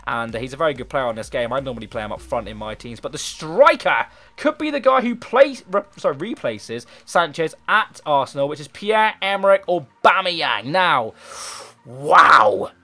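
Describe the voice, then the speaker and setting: Here the young gaming-channel host, sore throat and all, talks football players at a moderate pace in a slightly high, sing-song voice that sounds pushed and bright. The chat is rambling and enthusiastic over faint music.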